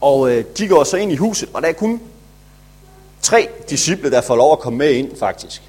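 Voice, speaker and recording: A man's voice: a little high, very animated, darkish tone, husky. A man, a pastor, retelling a Bible story for children in a chatty, playful way.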